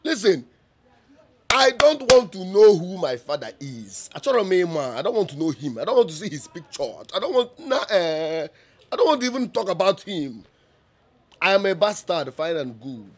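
A young man with a Nigerian accent plays a defiant son arguing with his mother, his high voice very animated and exaggerated at a normal speed. Exasperated, he mixes in Pidgin and Igbo phrases.

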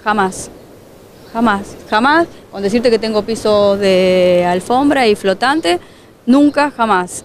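A woman's voice: mid-range voice, a little hiss or hum. A woman, a local resident telling a news reporter about her flooded home outdoors, speaking in fragmented, emotional bursts with many restarts. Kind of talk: street news interview.

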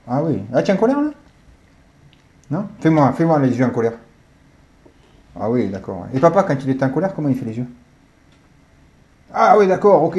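A man talking with his young child at home, gently questioning and playful, recorded on a dull lo-fi home recording. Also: medium pitch. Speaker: father.

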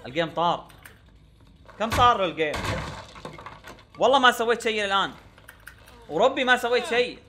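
A man's voice: sits high, animated, a little fast, long pauses, bright, forceful tone, slight background noise. A young man giving gameplay commentary, exasperated and repeating himself with frequent oaths. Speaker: gaming YouTuber.

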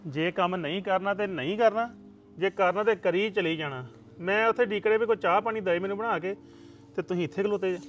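A man's voice: high-pitched, brisk, soft background music, lightly acted. A man playing a grumbling husband who scolds the women over unfinished work. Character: grumbling husband wanting his tea. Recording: dull lo-fi sound.

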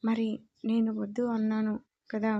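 Woman reading as a stern hot-tempered young husband, demanding, level mellow voice, dull lo-fi sound. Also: fairly high pitch, completely flat delivery, a little slow. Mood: angry. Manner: demanding, scolding questions.

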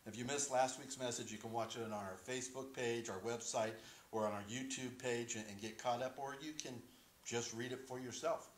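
A middle-aged man preaching a sermon from a church podium, relaxed and joking, with frequent "uh" fillers. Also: mid-range voice, a little fast. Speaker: pastor. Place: small wood-paneled church sanctuary, indoors. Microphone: podium microphone. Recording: roomy church echo.

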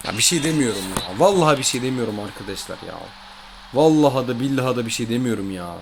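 This Turkish gaming YouTuber talks fast and animatedly in a mid-range voice while commenting casually on his own football video game match. He grumbles and sounds exasperated about his mistakes and bad luck, and a little hiss or hum runs under the audio.

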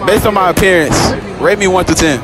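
A man's voice: high-pitched, a little fast, very noisy. A young man running a casual public interview in a shopping mall, talking into a phone he holds out, upbeat and joking, repeating his lines. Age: young adult. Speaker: street interviewer. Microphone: phone held out. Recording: phone audio with music and crowd.

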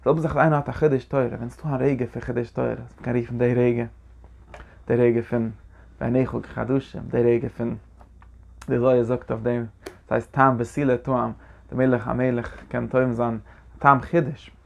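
A man teaching a religious lecture in an animated way, often restarting his sentences and breaking into emphatic bursts. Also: mid-range voice, normal speed, vocal fry, slight background noise. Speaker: Torah teacher.

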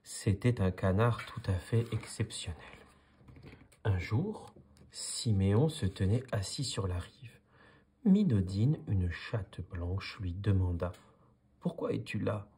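A man calmly reading a children's story aloud in a soothing manner. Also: low voice, measured pace, a little hiss or hum. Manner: calm, soothing. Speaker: storybook reader. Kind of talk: calm read-aloud story.

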